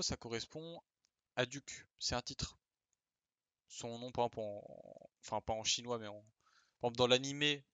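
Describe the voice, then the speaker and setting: A man's voice: mid-range voice, fairly bright tone, dry recording. A man explaining pronunciation in a casual, chatty way, with slang asides and frequent hesitations. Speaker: video creator explaining name pronunciation.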